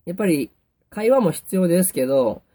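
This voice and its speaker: A young man with a Kansai accent, hosting a casual solo podcast and chatting in a relaxed way with lots of fillers. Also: high voice, fairly quick. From Kansai, Japan. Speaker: podcast host.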